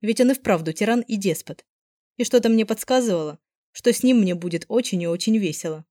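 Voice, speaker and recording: A woman narrating a first-person novel in a steady, lightly expressive reading. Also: mid-range voice, fairly quick, dry recording, studio quality. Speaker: audiobook narrator.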